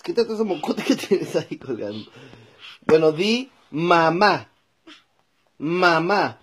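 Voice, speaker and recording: A man in a comedy sketch, exasperated, sliding into yelling. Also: a little high, animated, slow, breathy edge.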